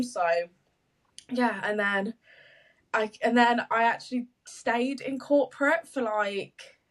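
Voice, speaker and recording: A woman's voice: medium pitch, distant mic. A young woman from the UK, a social media marketer, chatting casually on a podcast with lots of fillers and laughter. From United Kingdom. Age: young adult. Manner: chatty, animated, laughs often, many fillers.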